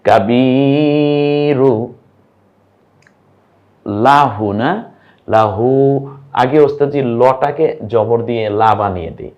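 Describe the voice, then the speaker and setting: A young male teacher gives a patient recorded lesson. He draws out each syllable slowly and keeps asking the listener to say it first. His voice sits at an everyday middle pitch. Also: darkish tone, dull audio. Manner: patient, drawn-out syllables, quizzing the viewer. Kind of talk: online lesson on reading Arabic vowel marks.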